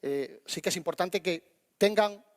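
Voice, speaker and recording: A man lecturing on public speaking in a high, bright-pitched voice. He speaks to the audience directly and lively, often restarting his sentences. His voice rings with a long reverb the lecture hall. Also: a little slow.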